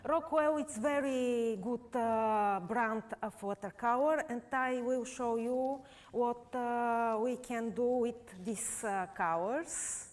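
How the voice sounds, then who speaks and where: A Bulgarian woman painter with a Bulgarian accent and Bulgarian as her first language, demonstrating live before an audience. She speaks in halting, simple English with many pauses. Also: on the high side. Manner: halting non-native English with frequent uh pauses.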